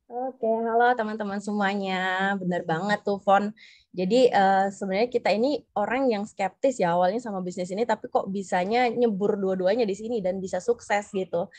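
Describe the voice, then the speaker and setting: A woman's voice: medium pitch, normal speed, darkish tone, dry recording. A woman in her thirties from South Sulawesi telling her personal story in an earnest, heartfelt way. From South Sulawesi, Indonesia. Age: 30s. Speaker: business presenter, stay-at-home mom. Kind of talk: personal testimonial talk.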